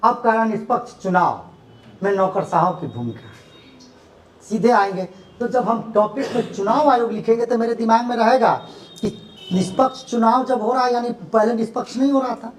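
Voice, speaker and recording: High-pitched male classroom teacher. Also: normal speed, slight background noise. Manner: animated, rhetorical questions to students. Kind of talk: classroom lecture.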